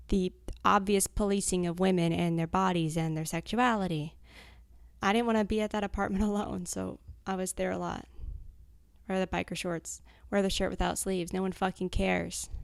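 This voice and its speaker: A woman's voice: medium pitch, vocal fry, no echo, clean studio sound. A woman in her twenties, an anonymous interviewee, speaking bluntly and confessionally, swearing freely, in fragments of a candid interview. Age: 20s.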